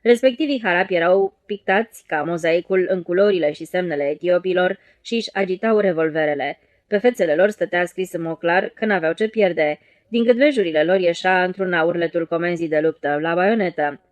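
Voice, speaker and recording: A woman narrating an audiobook in a steady storytelling read. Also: lowish voice, no echo. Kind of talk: scripted narration.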